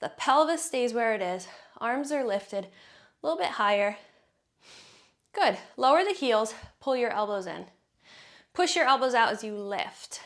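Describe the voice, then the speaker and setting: A woman's voice: on the high side, expressive, measured pace, long pauses, fairly bright tone. A woman leading a workout, counting reps and cueing breaths in an encouraging way, a little out of breath as she exercises along. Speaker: fitness instructor. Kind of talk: guided workout instruction.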